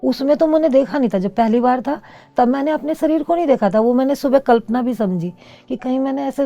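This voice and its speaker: A woman's voice: fairly high pitch, dark tone. A middle-aged woman telling her own story as an interview guest, earnest and reflective. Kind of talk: personal testimony.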